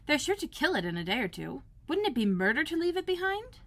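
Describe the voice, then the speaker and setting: A woman's voice: very animated, fast, fairly bright tone, heavily acted. A woman voicing a polite, earnest, puzzled young girl in a storybook read-aloud, prim and questioning. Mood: anxious, prim. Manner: prim, higher-pitched questioning.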